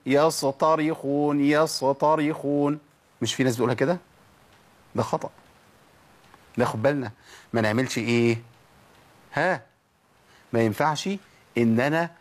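A man with an Egyptian accent teaching Quran recitation, asking questions and answering them himself, and stretching out example syllables slowly. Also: a little high, breathy edge. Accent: Egyptian Arabic. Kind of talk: tajweed lesson.

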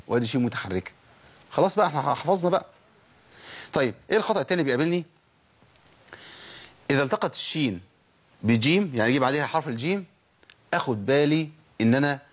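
A man with an Egyptian accent giving a recitation lesson, talking fast between slow, stretched-out example sounds. He poses questions and answers them himself. His voice sits at an ordinary middle pitch. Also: breathy edge. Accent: Egyptian Arabic. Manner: quick explanations broken by slow, drawn-out demonstrated sounds. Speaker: Quran recitation teacher.

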